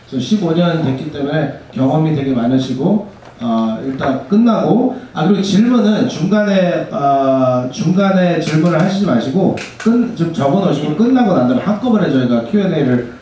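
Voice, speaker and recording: A man's voice: fairly high pitch, expressive, moderate pace, dark tone. A man hosting a seminar with a polite, hesitant introduction, switching now and then into English. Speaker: seminar host. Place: large echoey indoor room. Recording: very echoey room, distant, faint noise.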